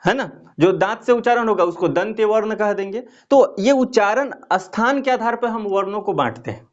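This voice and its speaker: A man's voice: sits high, dull audio. A man teaching a Hindi grammar lesson to students, patiently asking the class rhetorical questions as he explains.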